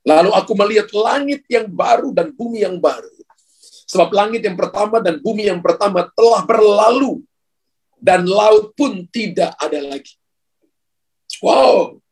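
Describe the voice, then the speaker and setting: Husky high-voiced preacher man. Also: expressive, a little slow, darkish tone. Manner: emphatic preaching, addresses the congregation directly. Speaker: pastor. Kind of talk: sermon.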